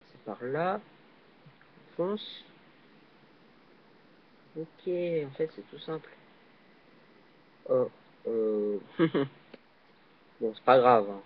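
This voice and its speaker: A young man casually commenting while he plays a video game, hesitant and full of fillers, with sudden excited yelps on jumps. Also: mid-range voice, drawn-out words, long pauses. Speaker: gaming channel host. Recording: dull lo-fi recording.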